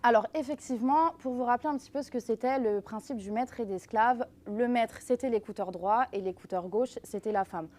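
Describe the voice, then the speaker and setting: A woman with a slightly high voice gives a live product demonstration. She speaks as a brand representative, explaining features step by step and addressing the audience directly. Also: fairly quick, few pauses, a little mellow. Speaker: brand representative presenting earbuds.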